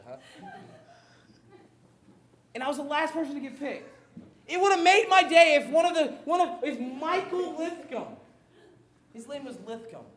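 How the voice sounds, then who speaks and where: A high-voiced male pastor from Maryland delivers an animated sermon. He laughs often and pokes fun at himself. The sound carries the echo of a large room. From Maryland, USA.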